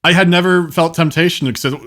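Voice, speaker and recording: A man in casual podcast banter, telling stories in an animated way. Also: on the high side, brisk. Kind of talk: casual banter among friends.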